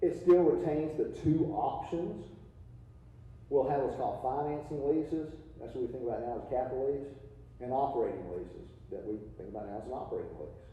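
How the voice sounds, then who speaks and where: A man's voice: medium pitch, fairly quick, mellow. A man presenting an accounting seminar, talking informally with jokes, asides and many restarts. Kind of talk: live continuing-education lecture. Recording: echoey hall, distant mic, dull lo-fi.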